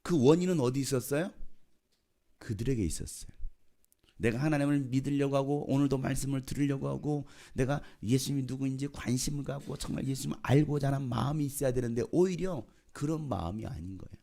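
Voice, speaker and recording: A man's voice: mid-range voice, fairly quick, creaky, mellow. A man preaching as pastor, often questioning the congregation and repeating their answers. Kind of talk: sermon.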